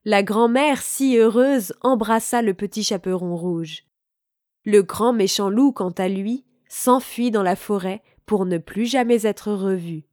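A woman reading a fairy tale aloud in a calm, clear, evenly paced storybook style. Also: mid-range voice, measured pace, no echo, studio quality.

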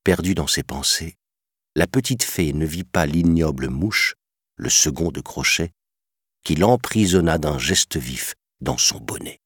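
Storybook narrator: a man with a very deep, husky voice, slow and lively in tone, dry sound. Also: no room sound. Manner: expressive, measured storytelling. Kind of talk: storybook reading.

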